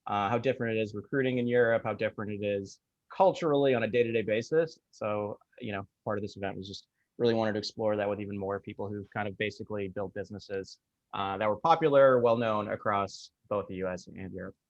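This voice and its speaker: A man moderating a panel over a video call, talking casually with many ums and pauses. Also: lowish voice, dry recording. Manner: relaxed, hesitant with many fillers. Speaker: panel moderator, executive recruiter. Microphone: video call microphone. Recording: dry, dull lo-fi video call audio.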